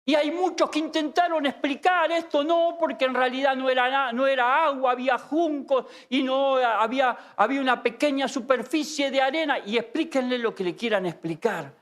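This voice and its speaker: A man's voice: very high voice, moderate pace, hardly any pauses, a bit bright. A man with an Argentine accent preaching an impassioned sermon in a church as pastor, full of rhetorical questions. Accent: Argentine Spanish.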